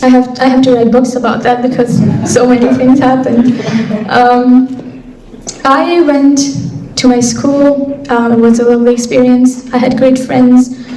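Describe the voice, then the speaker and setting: A woman's voice: high-pitched, little pitch movement, unhurried, warm tone. Young woman from Afghanistan, distant in an echoey hall. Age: young adult. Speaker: guest speaker. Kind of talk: answering interview questions. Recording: echoey hall, voice from far off mic, faint noise.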